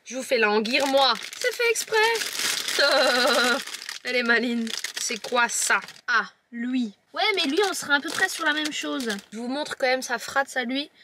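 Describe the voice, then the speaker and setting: A woman's voice: high voice, normal speed, hardly any pauses, background noise. A woman with a Lorraine French accent, chatting playfully to camera as she tastes chocolates and describes them. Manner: chatty, playful, teasing viewers. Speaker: vlogger tasting chocolates. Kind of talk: casual tasting vlog to camera.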